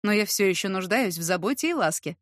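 A woman voicing a brash, feverish young man who talks in a hoarse, teasing, insistent way. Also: medium pitch, lively intonation, quick pace, no room sound, clean studio sound, close to an everyday voice. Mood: playful. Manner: hoarse, at times whispering.

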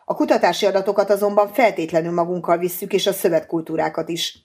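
A woman's voice: lowish voice, steady tone, darkish tone, breathy edge. A woman reading an audiobook, voicing a tired but decisive woman doctor. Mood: resolute.

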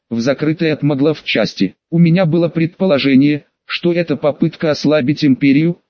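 A man reads a fantasy audiobook in the first person, telling the story in a steady, matter-of-fact way. His voice sits a little high for a man. The recording is dull and lo-fi, with a dry, close sound. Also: no room sound. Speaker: audiobook narrator.

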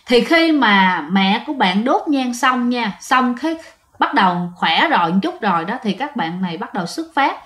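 A woman's voice: a little high, lively intonation, normal speed, a bit bright, roomy sound. A woman narrating a ghost story in a chatty way, often speaking straight to her listeners. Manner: chatty, addresses listeners directly.

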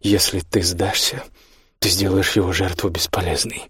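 A man's voice: deep voice, steady tone, normal speed, a bit bright, breathy edge, no room sound, pitched below the performer's own voice, exaggerated voice. Man voicing a frantic tearful young woman. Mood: urgent. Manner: pleading, tearful, breaking into cries. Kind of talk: audiobook character voice.

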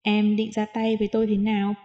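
A woman's voice: mid-range voice, completely flat delivery, fairly quick, highs cut off, natural voice. A woman reading as a teasing playful young man. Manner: teasing, coaxing.

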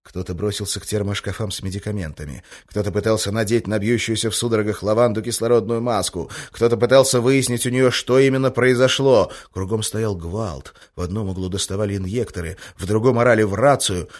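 A male narrator reads an action-packed audiobook with a fairly low voice. His delivery is brisk and tense, carrying the action forward. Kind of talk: scripted narration.

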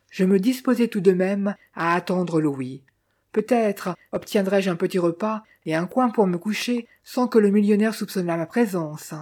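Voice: medium pitch, natural voice. A reader doing a weary, tight-lipped drifter. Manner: calm, measured storytelling in the first person. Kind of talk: audiobook reading of a character.

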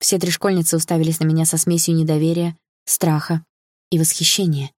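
A woman narrating an audiobook in the first person, calm and steady. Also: sits low, fairly quick, no room sound, clean studio sound.

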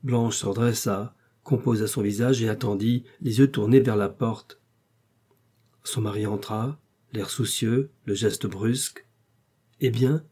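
A man narrating a classic novel as an audiobook, reading in a measured, literary way. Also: lowish voice, steady tone, dark tone, husky.

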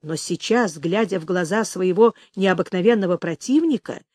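A woman narrating a novel as an audiobook, in a measured, expressive reading. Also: fairly low pitch, no echo. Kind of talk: scripted narration.

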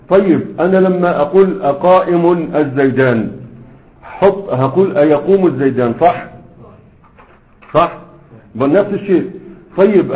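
A man with an Egyptian accent teaching an Arabic grammar lesson, constantly quizzing his students with rhetorical questions and drilling examples one by one. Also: fairly high pitch. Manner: slow, repeated drilling of examples. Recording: echoey room over a thin phone-like line.

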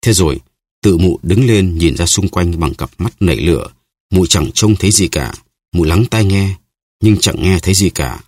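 A man narrating an audiobook in a steady, even storytelling manner. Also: sits low, normal speed, slightly rough, no echo. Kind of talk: scripted narration.

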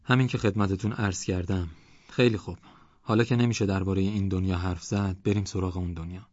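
A man's voice: sits low, steady tone, darkish tone, no echo, highs cut off. A man doing a weary village preacher. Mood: earnest.

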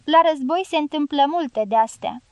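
Woman reading as a calm, commanding wounded soldier. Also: high voice, no room sound, pitched above the performer's own voice, lightly acted. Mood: resigned, steady. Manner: measured, firm commands. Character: American male dynamiter, wounded, calm and commanding.

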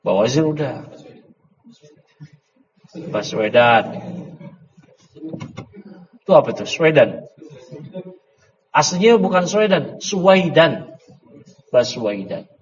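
A man's voice: medium pitch, very animated, slow pace, long pauses. A middle-aged man teaching an Arabic grammar class in a casual, chatty way, quizzing his students and slipping in joking asides. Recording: dull lo-fi audio with long reverb and faint noise.

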